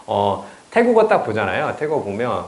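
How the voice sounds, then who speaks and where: With a lowish, sing-song voice at a moderate pace, a man delivers a laid-back English lecture. He's talkative and blunt, curses frequently, and keeps asking students "right?"; the recording has a roomy echo and slight background noise.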